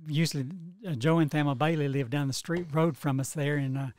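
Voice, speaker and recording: An older man from Texas recalls the old days in a rambling, folksy storytelling manner. His voice sits slightly high for a man. The sound is close and dry. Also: steady tone, brisk, darkish tone, no echo. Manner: folksy storyteller, many "you know"s and restarts. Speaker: guest, local historian. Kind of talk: casual chat, reminiscing.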